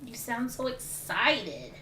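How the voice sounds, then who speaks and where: A woman chatting casually as a co-player, dropping slow, laid-back side remarks. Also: fairly high pitch, very animated, sharp tone, a little hiss or hum. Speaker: co-player in a game stream. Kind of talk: casual chat. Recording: echoey, distant voice chat.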